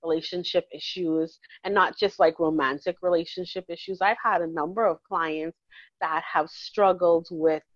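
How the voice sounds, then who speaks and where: A Bahamian woman in her forties, a counselor talking warmly and chattily in an interview, laughing easily. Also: on the low side, steady tone, moderate pace, dry recording, muffled recording. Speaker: counselor and guest. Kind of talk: casual interview conversation.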